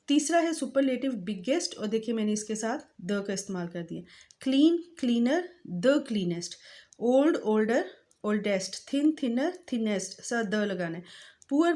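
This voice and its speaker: A woman teaching English grammar in a patient voice-over, slowly spelling out word forms. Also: on the high side, a little mellow. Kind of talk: grammar lesson explained over slides.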